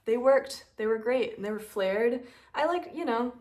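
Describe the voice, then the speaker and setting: A woman's voice: on the high side, expressive, moderate pace, darkish tone. A young woman talking casually and animatedly to her phone camera at home, joking and advising like a big sister. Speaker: vlogger. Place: at home indoors.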